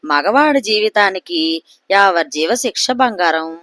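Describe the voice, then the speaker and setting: A woman's voice: medium pitch, expressive, unhurried, fairly bright tone, no echo. A woman reading the part of a grown husband who teases his wife with jokes, in a spoken family story. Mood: teasing. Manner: teasing, quipping. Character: grown man, teasing joking husband.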